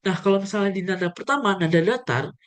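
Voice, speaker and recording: A woman's voice: mid-range voice, quick pace. A young woman teaching a casual video lesson on Mandarin, speaking straight to her viewers and demonstrating the tones. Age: young adult. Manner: friendly, addresses viewers directly, demonstrates tones.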